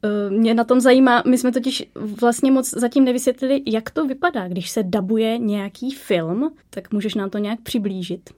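A woman's voice: fairly high pitch, darkish tone. A woman hosting an interview in a chatty, joking manner. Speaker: host. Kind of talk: interview chat.

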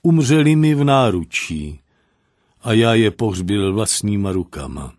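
A man's voice: fairly low pitch, sing-song, darkish tone, no echo, studio quality. A man voicing a giant male deserter soldier, grieving and plain-spoken, telling his story in an earnest, sorrowful way.

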